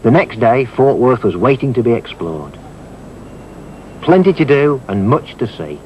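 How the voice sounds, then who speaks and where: A man's voice: mid-range voice, very animated, measured pace, dull audio, a little hiss or hum. English man narrating a documentary. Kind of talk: scripted narration.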